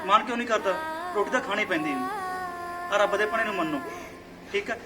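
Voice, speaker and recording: A man playing a kind young man who gently coaxes a grieving woman to eat in a short film. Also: high voice, fast, very noisy, lightly acted. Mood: coaxing. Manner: coaxing, gentle and persistent. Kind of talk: amateur short film acting. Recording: loud music behind.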